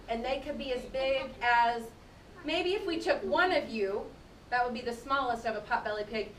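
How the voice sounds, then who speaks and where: Speaking to a class of young children in an indoor room, a female teacher reads aloud and pauses to explain things simply and conversationally. Her voice is fairly high with a fairly bright tone, heard from a distance amid echo and a low background rumble.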